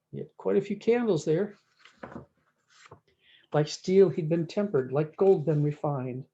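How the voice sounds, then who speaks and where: A woman with a deep, mellow voice reads a rhyming cowboy-dialect picture book aloud, folksy and drawing out words to emphasize them. The recording sounds muffled.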